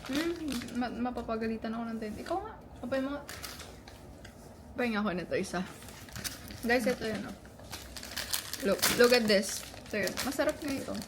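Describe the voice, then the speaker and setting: A young woman, chatting excitably to viewers in a casual travel vlog. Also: a little high, brisk, long pauses. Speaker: travel vlogger. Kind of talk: casual vlog chat to camera. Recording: loud background music and crowd noise.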